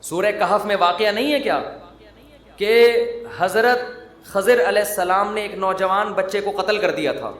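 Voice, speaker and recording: High-voiced preacher man, joking sermon. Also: a bit bright. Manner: jokey, teasing, conversational preaching. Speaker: Islamic preacher. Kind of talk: humorous sermon. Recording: roomy echo.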